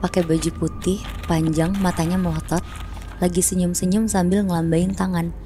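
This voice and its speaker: A woman's voice: lowish voice, level tone, normal speed, mellow, a little hiss or hum. A woman casually telling a horror story on a podcast, chatty and slangy, acting out sounds.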